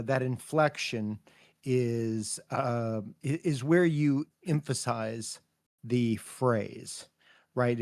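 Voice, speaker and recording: A man co-hosting a casual livestream, explaining slowly and thinking aloud. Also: medium pitch, darkish tone, dry recording, clean studio sound. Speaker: co-host. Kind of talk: casual livestream workshop chat.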